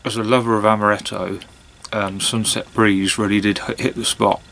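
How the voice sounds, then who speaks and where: A man chatting casually on his own in a hesitant, musing way, with long pauses and trailing phrases. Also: fairly low pitch, level tone, gravelly, a bit bright, poor audio. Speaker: pipe-smoking vlogger. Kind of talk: casual monologue to camera.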